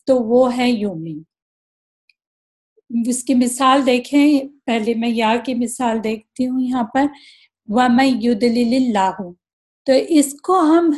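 A woman's voice: a little high, a little mellow. Patient woman teaching Quran recitation. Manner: patient and explanatory, demonstrates recitation slowly. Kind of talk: tajweed lesson.

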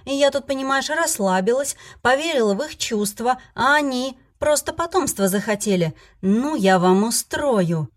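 A woman voicing a furious, indignant young heroine with a shrill, shouting delivery. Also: moderate pace, lightly acted.

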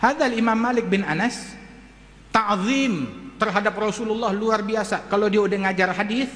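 A man's voice: sits high, moderate pace. A man preaching a sermon, telling stories and acting out the voices of the people in them. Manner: animated, acts out voices in stories. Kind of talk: sermon storytelling. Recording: echoey hall.

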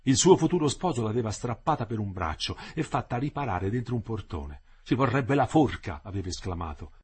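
A man with a husky voice reads a novel aloud, his pitch rising and falling freely. His delivery is expressive and varied, in a dramatic literary reading. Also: brisk. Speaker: reader.

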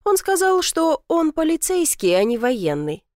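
Audiobook: woman reading a snappy indignant young woman, high bright voice. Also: wildly swooping pitch, unhurried, no room sound, clean studio sound, full character voice. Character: indignant sharp-tongued young city woman.

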